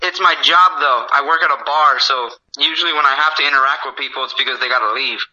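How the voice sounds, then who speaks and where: A man's voice: medium pitch, fast talker, pushed and bright, lo-fi sound. A man who is a guest on a casual call-in show, talking in a laid-back, self-mocking way and telling stories from his work. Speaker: guest, fighter and bar bouncer. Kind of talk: casual phone-in chat.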